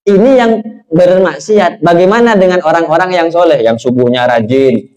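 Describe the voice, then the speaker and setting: A man's voice: a little high, normal speed, a little mellow, lo-fi sound. A man preaching a sermon as a kyai, telling a story and often putting questions to the congregation.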